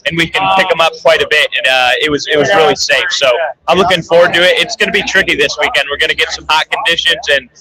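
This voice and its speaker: A man, a racing driver, answering interview questions in a relaxed way with many fillers. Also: on the high side, fast talker, low-quality recording. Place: crowded fan event. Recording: loud crowd behind.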